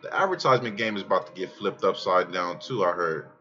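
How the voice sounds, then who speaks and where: A man casually talking through his trading charts in a brash, profane, excitable way, often trailing off mid-sentence and restarting. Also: low voice, a little fast, muffled recording. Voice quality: calls his own voice aggressive. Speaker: crypto trading vlogger. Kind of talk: casual rambling chart commentary.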